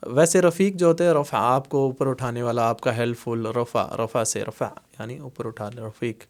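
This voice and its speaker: A man teaching Arabic words, explaining patiently in a slow lesson style and repeating each word. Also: mid-range voice, steady tone. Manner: repeats words slowly, many fillers and "theek hai".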